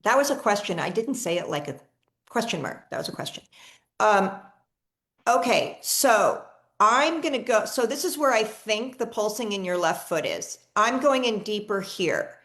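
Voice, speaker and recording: This energy healer's voice is medium-pitched, animated, a bit bright, and a little slow. She leads a live online session by video call, talking enthusiastically and often restarting or repeating herself.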